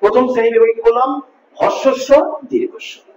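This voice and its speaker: A man's voice: very high voice, steady tone, brisk, darkish tone, slight background noise. A male teacher giving a grammar lesson, patiently repeating each point and asking his students questions. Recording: echoey room, distant mic, dull lo-fi.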